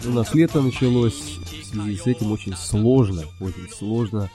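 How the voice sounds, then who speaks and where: A man's voice: fairly low pitch, normal speed, over music. A man hosting a solo podcast, chatting casually and thinking aloud as he goes. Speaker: podcast host.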